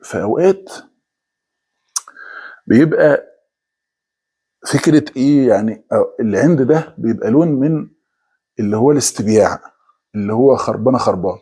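A middle-aged man with an Egyptian accent giving a conversational religious talk, slipping into quick mock voices of people making excuses. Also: mid-range voice, lively intonation, warm tone, slightly rough. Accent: Egyptian Arabic. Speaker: preacher.

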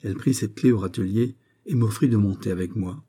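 A man reading a nineteenth-century short story aloud in a measured, steady narrating manner. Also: on the low side, husky. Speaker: audiobook reader. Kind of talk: literary audiobook narration.

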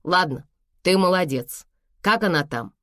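A woman's voice: lowish voice, expressive, a little slow, fairly bright tone, no echo, studio quality. A woman voicing a cool-headed mother, a doctor, who gives curt, firm instructions. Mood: commanding.

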